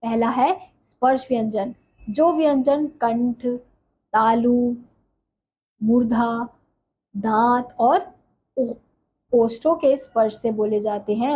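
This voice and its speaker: A woman's voice: fairly high pitch, slow pace, long pauses, dark tone. A woman teaching a Hindi grammar lesson, spelling out letters and example words one at a time and asking rhetorical questions she answers herself. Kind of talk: slow explanatory lesson. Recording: slightly dull recording with faint ambient noise.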